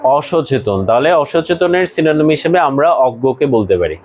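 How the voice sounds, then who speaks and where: A man's voice: fairly high pitch, lively intonation, moderate pace, darkish tone, slight background noise, rough recording. A man teaching an English lesson to a class, explaining words one by one and asking students questions.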